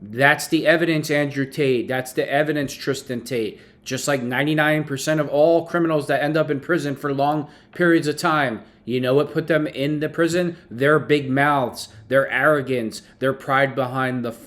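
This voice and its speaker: A man's voice: fairly high pitch, steady tone, moderate pace, hardly any pauses, fairly bright tone. A man giving unscripted reaction commentary, scornful and mocking, leaning hard on key words.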